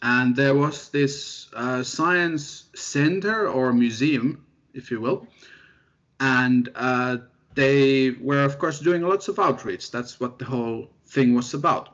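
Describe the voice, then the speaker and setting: A young Finnish postdoctoral researcher, appearing as a guest scientist, slowly recounts how he got into research in a relaxed, self-deprecating interview chat. His voice is mid-range for a man, and the audio is dull and lo-fi.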